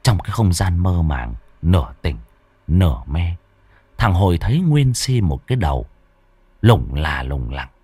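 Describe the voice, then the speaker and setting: A man narrating a scripted ghost story with dramatic, drawn-out slowdowns. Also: deep voice, very animated, dark tone, slightly rough, no echo.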